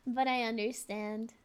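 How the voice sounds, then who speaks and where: A woman's voice: on the high side, smooth. A young woman chatting casually as a livestream host, in a cute, girlish, bubbly anime-streamer manner. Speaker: livestream host, VTuber artist.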